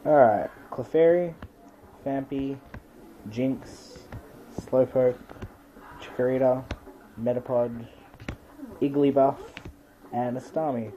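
A man's voice: mid-range voice, steady tone, takes it slowly, pauses often, dark tone, highs cut off, slight background noise. A man casually commenting as he hosts an unscripted unboxing video, listing items one by one in a matter-of-fact way. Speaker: trading card pack-opening video host. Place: bedroom, indoors.

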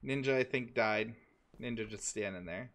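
A man's voice: on the low side, moderate pace, fairly bright tone. A man co-hosting a live gaming stream, chatting casually, laughing and swearing as he reacts to the game. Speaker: streamer co-host.

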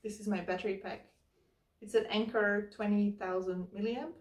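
Speaking at a normal speed in a steady, mid-range voice, a woman in her thirties who vlogs about hiking explains step by step how she packs her backpack as she handles her gear. It's filmed in her living room with a camera mic across the room, giving a roomy, slightly distant sound.

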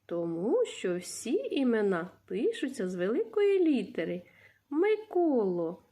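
A woman teacher with a Ukrainian accent giving a reading lesson to young children, sounding out syllables in a sing-song way and coaxing the class with gentle questions. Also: medium pitch, very animated, moderate pace. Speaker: primary school teacher.

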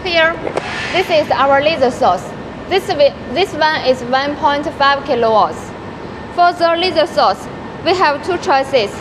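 A young woman in her twenties presenting a welding machine, talking haltingly with many restarts. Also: sits high. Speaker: product presenter. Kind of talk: product demonstration in English. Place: large factory workshop. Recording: noisy factory floor.

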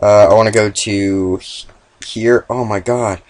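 A young man with the hiccups giving casual gameplay commentary, mumbling asides and then yelling and swearing when things go wrong. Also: on the low side, steady tone, a little slow, no echo, low-quality recording. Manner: swings from mumbled asides to sudden swearing shouts. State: has the hiccups.

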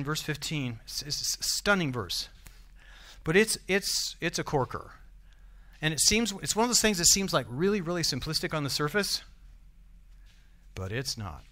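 An American man delivers a sermon in a church, talking to the congregation like a conversation and checking in with questions. His voice is bright and forceful and sits a little high for a man. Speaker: pastor.

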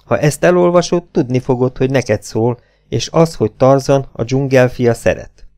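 A man voicing an earnest young jungle man who speaks slowly in simple, solemn phrases. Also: mid-range voice, a little mellow, lightly acted.

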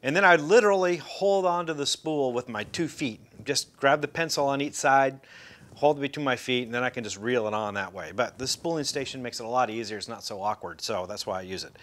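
Seated indoors, this middle-aged man teaches fishing in a relaxed, folksy demonstration full of fillers and restarts. He talks briskly in a medium-pitched, fairly bright voice.

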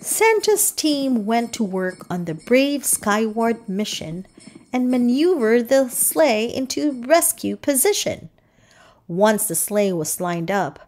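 With music in the background, a female storyteller reads rhyming children's verse from a script. She sounds lively and expressive and never rushes.

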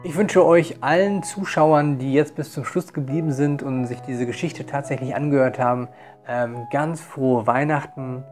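A man reading a Christmas story aloud, calm storytelling with hesitant fillers when he talks freely. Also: medium pitch, moderate pace, faint music behind.

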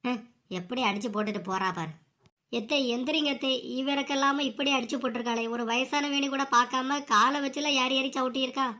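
A woman voicing a scheming young daughter-in-law in a cartoon, with a Kanyakumari Tamil accent and a mocking, quick-tongued manner. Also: sits high, sharp tone.

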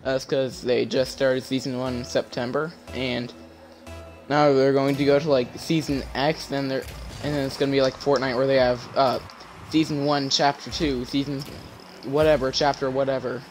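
A young man commentating his own gameplay, excitable, yelping and shouting at plays, faint game music behind. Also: medium pitch, normal speed. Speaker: gamer.

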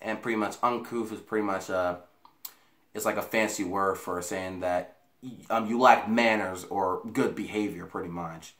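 Speaking at a moderate pace with a steady tone, a young adult American tells a rambling story to camera, repeating himself and cursing freely. His voice sits low and sounds a bit bright. He's in a small indoor bedroom with echo, recorded on a camera mic a few feet away.

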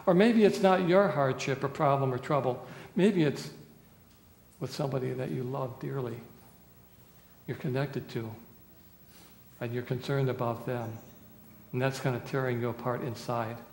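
Older pastor preaching in an echoey church. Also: male voice, medium pitch, moderate pace, creaky, pauses often, a little hiss or hum. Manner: dramatic, swings between loud pleading and hushed quiet lines. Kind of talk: sermon. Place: small church sanctuary. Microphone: far camera. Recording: echoey church hall, roomy reverb.

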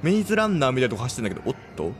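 A man casually commentating his playthrough of a horror game, chatty and quick to react with exclamations. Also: medium pitch, very animated, faint music behind.

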